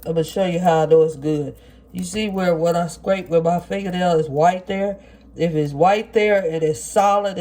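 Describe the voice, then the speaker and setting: A medium-pitched, warm, congested nasal voice belongs to a plant vlogger recovering from sinus surgery, who casually shows viewers how to do things step by step in a folksy style from her home kitchen counter. A little hiss or hum runs under the recording.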